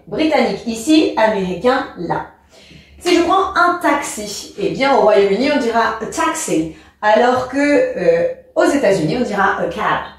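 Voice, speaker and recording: A woman explaining an English lesson to a pupil, patient, spelling letters out and speaking to the child as "tu". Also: fairly high pitch. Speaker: teacher. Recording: echoey room from far off.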